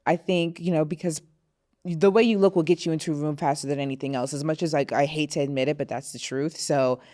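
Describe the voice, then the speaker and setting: A woman's voice: sits low, fairly even intonation, fast, warm tone. A young woman from Florida chatting candidly as a podcast guest, laughing often and using fillers like "you know". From Florida, USA. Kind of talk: casual podcast chat.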